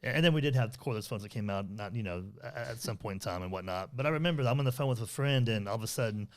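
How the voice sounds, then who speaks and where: A man's voice: fairly low pitch, animated, rapid-fire. A middle-aged man co-hosting a parenting podcast, talking earnestly and rambling, with many fillers and restarts. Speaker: podcast co-host. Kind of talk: casual conversational podcast chat.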